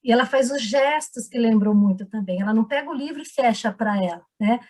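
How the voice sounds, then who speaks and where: A woman's voice: on the high side, brisk, a little mellow. Encouraging woman leading seminar. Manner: encouraging, asks the group many questions. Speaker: teacher trainer leading a seminar. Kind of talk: online seminar, leading a discussion. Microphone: video call microphone.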